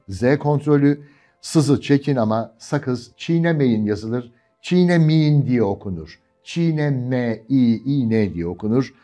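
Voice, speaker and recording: A man teaching a diction lesson, reading a practice story aloud and stopping to explain stress and pronunciation, drawing words out slowly to demonstrate. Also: medium pitch, mellow.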